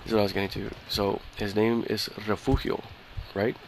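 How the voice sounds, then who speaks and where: A man's voice: lowish voice, a little fast, vocal fry, a little hiss or hum. A man chatting casually with a friend while playing a shooter game, rambling and swearing with lots of fillers and restarts. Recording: steady game gunfire behind the voice. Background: gunfire and clicks from the game.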